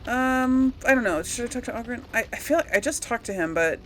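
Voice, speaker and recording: A woman hosts a laid-back let's play, chatting to her viewers in a rambling, hesitant, giggly way and role-playing replies. Her voice is fairly high, lively and a bit bright, and she talks briskly over slight background noise.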